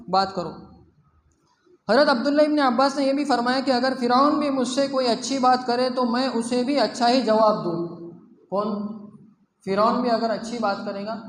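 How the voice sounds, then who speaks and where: A man with a very high voice preaches a sermon in a hall with long, roomy echo. He keeps asking questions of his listeners and answering them himself, and he weaves Arabic quotations into plain talk. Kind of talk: Islamic sermon. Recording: echoey hall, faint background noise.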